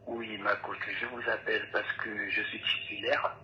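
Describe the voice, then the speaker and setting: A man's voice: on the low side, level tone, normal speed. A young man calling an advice show by phone, hesitant and polite with many ums, emotional and near tears. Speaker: caller. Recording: dull phone line, faint noise.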